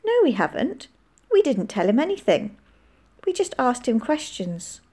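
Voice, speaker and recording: A woman's voice: on the high side, sing-song, measured pace, a little mellow, slightly rough, pitched above the performer's own voice, full character voice. A woman voicing a determined young girl who speaks firmly and urgently, at times in tense whispers.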